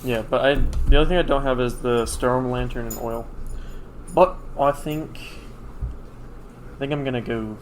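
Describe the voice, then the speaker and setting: A man's voice: mid-range voice, moderate pace, long pauses. A man playing in a tabletop game, hesitant and giggly, often restarting his sentences, on a noisy home recording. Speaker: player. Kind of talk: casual tabletop play.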